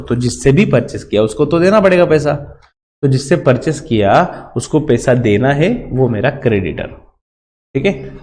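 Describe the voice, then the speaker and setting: A man's voice: on the high side, a little mellow. A man with an Indian English accent teaching a commerce lecture, explaining step by step and mixing English terms into Hindi. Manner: explains step by step and checks in with repeated "theek hai". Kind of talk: recorded lecture for students. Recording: long hall reverb.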